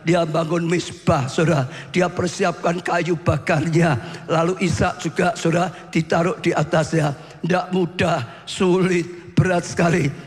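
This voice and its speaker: A man preaches in a high-pitched voice, retelling a story dramatically and often swelling into shouts. His voice rings out with a long hall reverb, as in a large church. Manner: addresses listeners as saudara. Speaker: pastor. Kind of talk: sermon storytelling.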